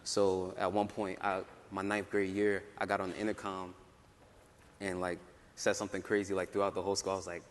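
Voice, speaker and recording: A young man panelist telling his story in a casual way, full of "like" fillers and quick laughs. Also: low voice, little pitch movement, a little hiss or hum. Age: young adult. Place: conference hall. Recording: roomy hall, faint ambience.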